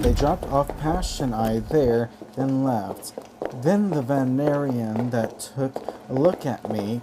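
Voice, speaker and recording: A man narrating a first-person story as an amateur audiobook reader, in a plain, unhurried way. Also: mid-range voice, background noise.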